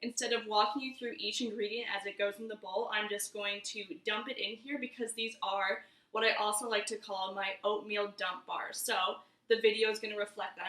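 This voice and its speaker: A cooking vlogger in her twenties talks in a mid-range voice that sounds pushed and bright. Chatty and laid-back, she leads viewers through each stage of a casual demonstration in her own kitchen, where the sound echoes roomily.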